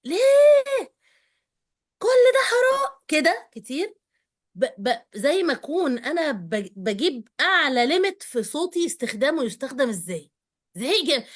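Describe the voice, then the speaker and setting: Brief: middle-aged Egyptian woman, higher voice, rapid chatty storyteller. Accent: Egyptian Arabic. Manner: animated, conversational, addresses listener directly. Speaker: speaker sharing personal experience. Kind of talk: personal storytelling talk.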